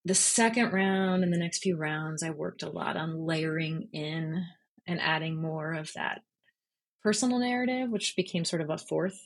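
A woman with a low, husky voice talks at a moderate pace as a guest on a podcast, where she is a freelance journalist. Her reflective interview manner is thoughtful and informal, explaining things step by step.

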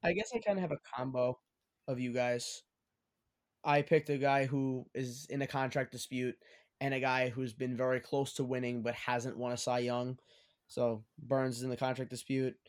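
A man's voice: mid-range voice, little pitch movement, normal speed. A man hosting a casual sports podcast with friends, running the segments and trading takes. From Long Island. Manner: chatty, runs the segments. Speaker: podcast host.

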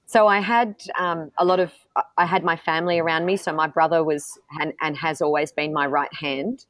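Interviewed as a guest, this middle-aged politician answers candidly and forthrightly with self-assurance, frequently starting her sentences over. Her slightly low voice keeps a fairly even intonation at a moderate pace, recorded close and dry with no room sound.

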